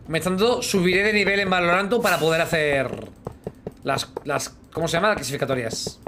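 This thirtysomething streamer from Spain, speaking with a Spanish accent, banters casually with his viewers during live gameplay and hums sound effects along the way. Through his headset in a small room, his fairly high voice comes out brisk, bright, forceful and steady, with a little hiss or hum.

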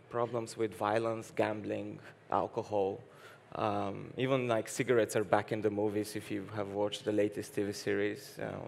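On a conference stage, a young dating app founder from Bulgaria talks candidly, often hesitating and restarting and laughing mid-sentence. His voice sits lowish and gravelly, with slight background noise.

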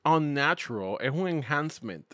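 A young man with a Puerto Rican Spanish accent, hosting a podcast in slangy casual chat and telling animated stories. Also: on the high side, moderate pace, dry recording, clean studio sound. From Puerto Rico. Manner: animated storytelling, slangy, acts out voices. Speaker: podcast host.

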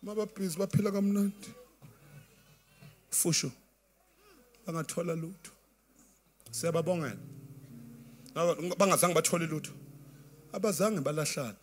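A man's voice: fairly high pitch, moderate pace, pauses often, slight background noise. A South African man in his thirties preaching a sermon into a handheld microphone in a large church tent, impassioned and half-singing his lines. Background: faint band music.

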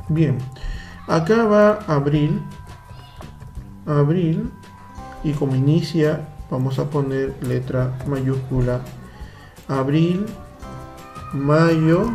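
A man with a Peruvian Spanish accent teaches children a computer lesson over a screen recording. His voice sits a little high, gravelly and warm, and he patiently walks through each step, often adding tag questions.

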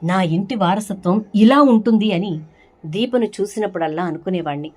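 A woman voicing an older male head of the family who speaks slowly and emphatically. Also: mid-range voice, darkish tone, close to an everyday voice. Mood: proud. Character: older male family patriarch, moved and proud.

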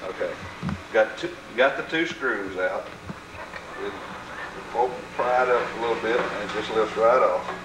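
Old camcorder footage captures a family member with a lowish voice speaking at normal speed amid background noise. He chats in a casual, step-by-step way typical of home videos, recorded through the built-in mic.

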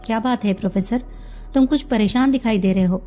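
A woman voicing a calm, probing male police detective who questions gently. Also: on the high side, moderate pace, soft background music, natural voice.

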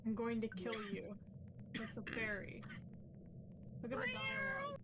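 A woman's voice: fairly high pitch, huge pitch swings, a little slow, very noisy. A young woman chatting casually as she plays a game along with friends. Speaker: gamer playing along. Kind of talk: casual chat while gaming.

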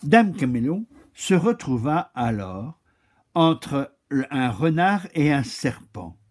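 A man reading a children's story aloud in a slow, expressive way. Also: on the high side.

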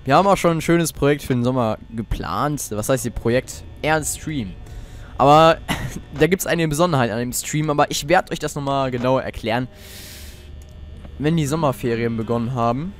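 A man's voice: medium pitch, moderate pace, slight background noise. A teenage boy playing a horror game, jumpy and swearing often as he talks to his viewers. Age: teens. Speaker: let's player.

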